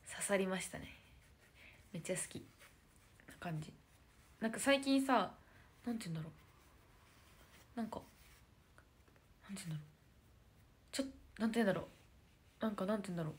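A young woman with a lilt, chatting casually to viewers on a phone livestream, searching for words and dropping into whispered asides. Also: lowish voice. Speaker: idol live streamer. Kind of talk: casual live-stream chat.

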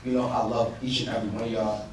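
A man's voice: mid-range voice, flat delivery, quick pace, noisy background. A young man, the groom, thanking his guests in a loose, slangy, laughing speech. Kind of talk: casual wedding reception speech. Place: wedding reception hall. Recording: echoey hall, distant mic, crowd behind.

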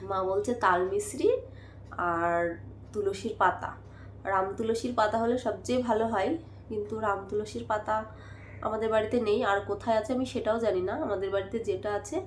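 A young woman with a Bengali accent chatting casually in a home vlog, worn out and coughing, her voice going hoarse. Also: mid-range voice, echoey room, slight background noise. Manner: chatty, rambling, tired. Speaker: vlogger. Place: at home, indoors.

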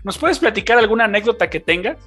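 A podcast host with a Mexican Spanish accent who asks questions in a relaxed way, often adding "right?" and restarting phrases. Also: mid-range voice, quick pace, breathy edge, faint music behind. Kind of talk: casual podcast interview.

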